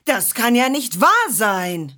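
A woman's voice: on the high side, very animated, slow pace, bright, forceful tone, pitched above the performer's own voice, full character voice. Woman reading a stern, grumbling dad. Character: stern, exasperated father.

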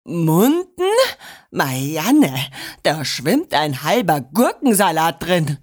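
A woman voicing a jolly old grandfather in a lowered voice, boisterous and sputtering. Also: animated, moderate pace. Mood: disgusted. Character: jolly old grandfather, cheerful then disgusted.

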